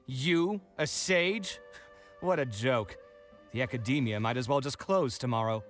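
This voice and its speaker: An actor playing a proud, hot-tempered young male architect in a video game, indignant and quick to bicker. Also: mid-range voice, over music, lightly acted. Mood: irritated.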